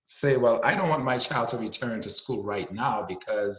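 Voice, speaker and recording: A man's voice: mid-range voice, moderate pace, a bit bright, echoey room, poor audio. A man working as a special education advocate, explaining guidance earnestly over a video conference call with many fillers. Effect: video conference call audio.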